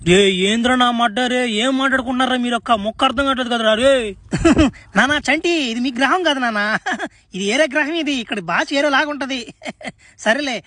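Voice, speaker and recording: A man's voice: very high voice, quick pace, sharp tone. A man. He is rowdy and teasing and swears often. It is a crude comic sketch. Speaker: comedy sketch performer.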